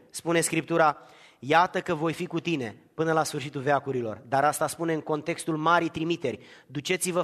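A male preacher delivering a sermon in a slightly high voice, swinging from near-shouts down to hushed tones. His voice rings out with a long reverb in a large church hall.

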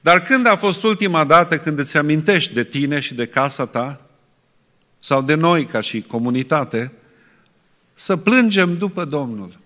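Man, preacher, sermon, rhetorical questions, halting restarts, long hall reverb. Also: fairly high pitch, animated, fairly bright tone.

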